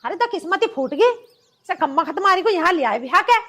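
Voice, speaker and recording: A woman's voice: very high-pitched, very animated, brisk, fairly bright tone, exaggerated voice. A woman playing a nagging village mother-in-law. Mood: scolding. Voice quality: scolding, nagging rural speech. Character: sharp-tongued bossy village mother-in-law. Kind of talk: rural comedy drama acting.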